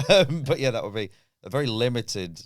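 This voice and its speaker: Animated, swearing man. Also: medium pitch, normal speed, no echo, clean studio sound. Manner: swears freely, animated, laughs often. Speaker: guest comedian. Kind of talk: casual podcast chat.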